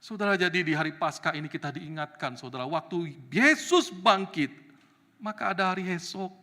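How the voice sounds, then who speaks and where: Animated male preacher in a reverberant church. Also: on the high side, normal speed. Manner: animated, rises to loud emphatic peaks. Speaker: evangelist preacher. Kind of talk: sermon. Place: church sanctuary.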